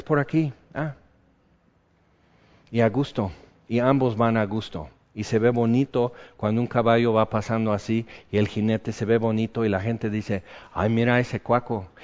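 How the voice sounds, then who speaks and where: A man preaching a sermon, telling a personal story in a folksy, animated way. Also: mid-range voice. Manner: folksy, animated storytelling, acts out horse sounds. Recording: dull, lo-fi sound with long hall reverb.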